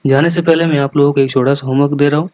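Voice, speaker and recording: A man teaching a vocabulary lesson in a classroom style. He explains slowly, spells words out letter by letter and keeps checking that his students are following. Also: fairly high pitch, steady tone, darkish tone, no echo. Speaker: English teacher.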